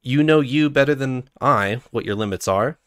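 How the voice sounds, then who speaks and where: A man's voice: mid-range voice, normal speed, fairly bright tone, no room sound, pitched above the performer's own voice, close to an everyday voice. Wry male jester, read by a man: frank, kind, dry delivery, slightly lifted voice, dry close sound. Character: wry older male court jester, blunt yet kind.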